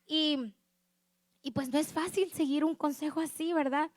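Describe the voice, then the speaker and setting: A woman's voice: high-pitched, steady tone, moderate pace, no echo. A woman preaching a sermon with a personal testimony, earnest and conversational, often checking that her listeners agree. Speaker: lay preacher at a church service.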